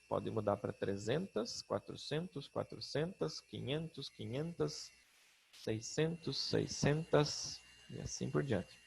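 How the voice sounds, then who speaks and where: A man's voice: medium pitch, creaky, breathy edge. A middle-aged man with a Brazilian Portuguese accent teaching a grammar lesson, patient, often checking in with his students.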